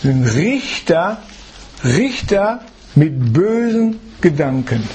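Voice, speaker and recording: A man's voice: a little high, a little mellow, slight background noise. A man preaching a sermon in a church, reading Bible verses and explaining them with rhetorical questions.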